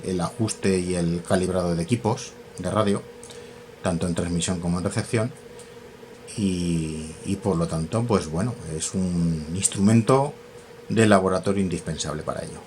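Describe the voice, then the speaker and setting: A man's voice: sits low, normal speed, a little hiss or hum. A man demonstrating radio test equipment in a workshop, talking casually and thinking aloud, often correcting himself with fillers. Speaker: radio equipment tutorial host.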